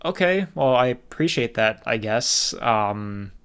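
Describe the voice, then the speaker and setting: A man's voice: mid-range voice, expressive, slow, a bit bright, clear, resonant tone. A young man hosting a scripted comedy movie recap, dry and sarcastic. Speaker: movie reviewer and host.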